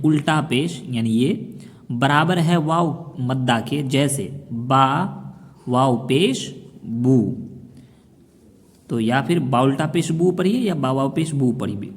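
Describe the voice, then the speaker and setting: A man teaching children to read the Quran, chanting letter sounds slowly and explaining between the drills. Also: medium pitch, darkish tone. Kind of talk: recitation lesson for children. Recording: long hall reverb.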